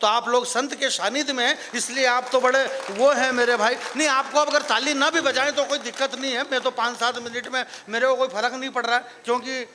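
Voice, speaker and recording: A man's voice: very high-pitched, fairly even intonation, a little fast, hardly any pauses, background noise. A man from Rajasthan, a comic poet joking with a live audience from the stage and then declaiming verse. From Marwar, Rajasthan. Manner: jokey banter with the audience, rising into declaiming verse. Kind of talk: live stand-up poetry recital.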